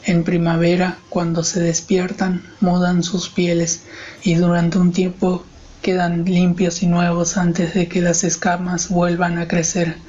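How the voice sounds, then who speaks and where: A man voicing a grave, superstitious old woman in an audiobook reading, speaking slowly in a hushed murmur. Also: sits high, completely flat delivery, highs cut off, a little hiss or hum. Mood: grave warning. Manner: slow, hushed, murmuring delivery.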